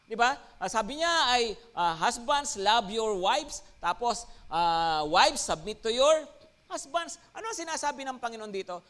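High-voiced Filipino pastor preaching. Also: male voice, measured pace. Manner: mixes Tagalog and English, frequent "no?" and "Amen?" check-ins; lively, rising emphasis on key words. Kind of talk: sermon.

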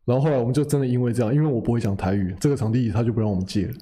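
A man's voice: mid-range voice, fairly even intonation, racing, warm tone. A young man telling a story in a casual podcast chat, rambling and correcting himself as he goes. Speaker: podcast co-host.

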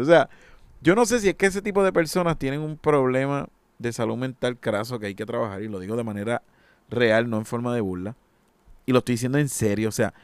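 A man's voice: medium pitch, smooth, no echo. A man hosting a solo podcast, giving an indignant, emphatic opinion monologue. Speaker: podcast host.

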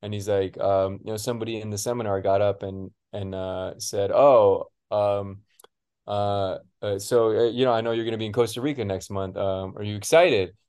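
A man's voice: on the low side, fairly even intonation, normal speed, darkish tone, clear, resonant tone. Rambling man in casual chat. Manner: rambling, many fillers, casual swearing.

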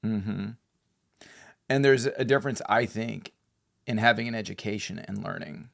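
A man's voice: lowish voice, moderate pace, vocal fry, fairly bright tone. A man in his forties co-hosting a podcast, chatting casually and rambling with self-deprecating humor. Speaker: podcast co-host. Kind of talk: casual chat.

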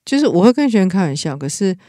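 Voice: medium pitch, sing-song, fast, dark tone, no room sound, studio quality. 一位带台湾口音的老师，在闲聊中恳切地讲自己的经历，常常停顿重说。. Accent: Taiwanese Mandarin. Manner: earnest, with frequent restarts. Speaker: teacher, podcast co-host. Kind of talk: casual chat, personal story.

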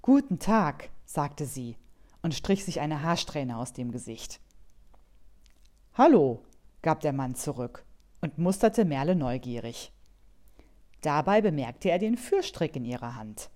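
A woman reads a bedtime story at an unhurried pace, calm and measured throughout. Her voice sits low and mellow, soft-edged and soothing.

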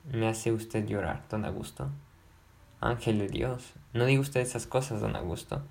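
Man voicing a bashful young servant girl, timid, soft protests, low-pitched reading voice. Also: moderate pace, creaky. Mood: tearful. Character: shy young maid, blushing and flustered woman. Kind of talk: audiobook narration.

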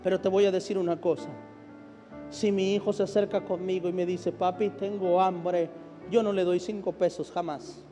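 A male pastor preaching a sermon, often building to shouted emphasis. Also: high-pitched, flat delivery, brisk. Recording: long hall reverb with faint music.

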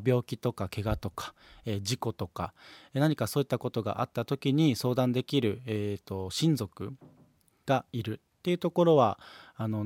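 A man's voice: medium pitch, a little mellow, no room sound, clean studio sound. Polite Kansai man hosting a podcast. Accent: Kansai Japanese. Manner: polite and measured, with frequent hesitation fillers. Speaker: podcast host. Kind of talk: solo podcast chat, reading listener mail.

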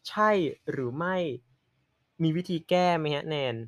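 A man with a Central Thai accent hosting a casual podcast chat, polite and quick to laugh. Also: on the high side, fairly bright tone, no room sound. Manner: polite, laughs often, drawn-out wrap-up. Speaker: podcast host.

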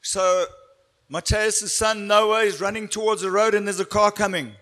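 High-voiced man preaching in short bursts. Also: fairly even intonation, a bit bright. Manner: preaching in short phrases, pausing for the interpreter. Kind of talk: sermon with live interpretation.

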